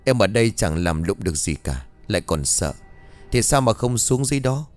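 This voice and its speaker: A man voicing a middle-aged man who soothes and reassures in a low, hushed voice. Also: big pitch swings, moderate pace. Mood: soothing, firm.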